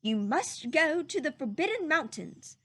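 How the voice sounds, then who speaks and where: A woman voicing a grave, scholarly, alarmist male owl from a children's storybook, with drawn-out solemn delivery. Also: high voice, big pitch swings, fairly bright tone, exaggerated voice. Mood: grave warning.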